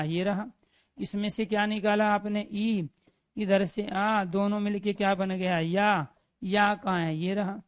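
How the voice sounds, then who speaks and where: A woman's voice: mid-range voice, dry recording, clean studio sound. A woman teaching a grammar lesson, asking questions and answering them herself.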